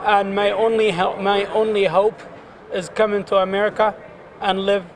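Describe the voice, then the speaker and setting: A man's voice: high-pitched, flat delivery, moderate pace, a little hiss or hum, low-quality recording. A man giving a spoken translation voice-over for interviewees in a news report, speaking plainly in the first person with slight hesitations. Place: busy airport arrivals area.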